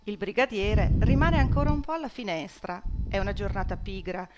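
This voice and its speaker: A woman reading a novel excerpt aloud in a measured, even storytelling manner. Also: medium pitch, highs cut off, heavy background noise. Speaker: reader.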